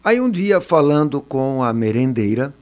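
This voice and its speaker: An older man, a former teacher telling stories in a relaxed interview and often ending phrases with a tag question. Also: mid-range voice, unhurried. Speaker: retired teacher and education adviser. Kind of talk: casual interview storytelling.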